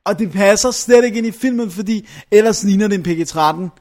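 Young man, fairly high voice, casual film chat, rambling, lots of fillers. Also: darkish tone. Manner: rambling, searches for names, many fillers. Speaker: film reviewer.

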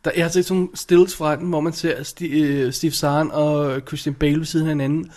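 A man co-hosting a casual film review show, giving blunt opinions in a relaxed way. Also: a little high. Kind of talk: casual chat reviewing films.

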